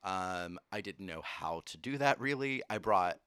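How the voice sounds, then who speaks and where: A man's voice: sits low, unhurried, smooth, no room sound, studio quality. A young American man, a leather titleholder, chatting frankly and jokingly in an interview. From United States. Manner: animated, laughing, frank and joking. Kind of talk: casual chat.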